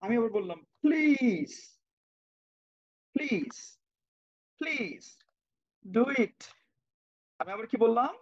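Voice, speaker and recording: A man's voice: very high voice, animated, measured pace. A man teaching English grammar to children in an online class, patiently repeating, spelling words out and checking on students by name. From Bangladesh. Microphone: cheap computer microphone. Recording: dull lo-fi online-class audio.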